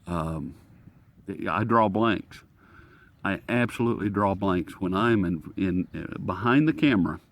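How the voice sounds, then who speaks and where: This product reviewer has a low voice and speaks expressively and unhurriedly to the camera. He's folksy, self-deprecating, and easily sidetracked as he rambles about a gadget outdoors on a breezy day, with light wind noise in the recording.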